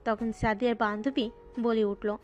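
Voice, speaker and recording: A woman narrating a Bengali audio love story in a steady, conversational storytelling tone. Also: a little high, normal speed, dull audio. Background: faint background music.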